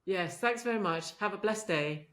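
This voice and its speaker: A middle-aged medical leader, a guest on a podcast, speaks conversationally at normal speed in a medium-pitched voice. Her faith talk is earnest and warm, peppered with frequent affirmations.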